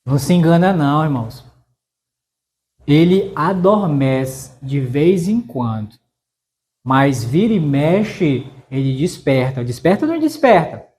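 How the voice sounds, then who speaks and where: A man's voice: fairly high pitch, big pitch swings, slow, darkish tone, slightly rough. A male missionary preacher giving a conversational Bible study in a church, talking folksily to the congregation and often asking them to confirm his points. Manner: folksy, addresses listeners as brothers with frequent tag questions. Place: church sanctuary.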